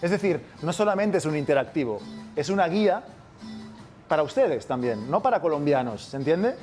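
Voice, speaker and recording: Faint music plays behind a Spanish man delivering a relaxed university masterclass in a Spanish-accented voice that's a little high and darkish. He talks at a normal speed with big swings in pitch, repeatedly checking with the room: "¿vale?"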